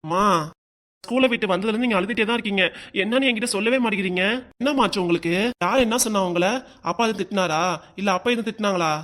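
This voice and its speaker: A woman's voice: medium pitch, quick pace, fairly bright tone, lightly acted. A woman with a Kanyakumari Tamil accent voicing a young boy in a cartoon, pleading and questioning his mother. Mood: worried, pleading. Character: worried young boy, son.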